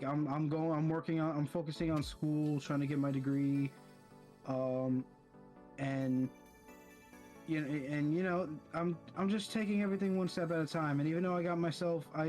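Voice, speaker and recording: A young man chats over a voice call in a fairly high voice. He rambles and trips over his words, restarting his sentences as he goes. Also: darkish tone. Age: young adult. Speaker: college student guest. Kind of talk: casual chat over a voice call.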